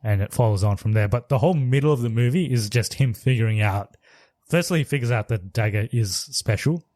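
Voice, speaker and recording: A man co-hosting a film podcast chats fairly quickly in a medium-pitched, somewhat mellow voice. His talk is loose and hedging, full of laughs. The audio is clean studio sound without any room reverb.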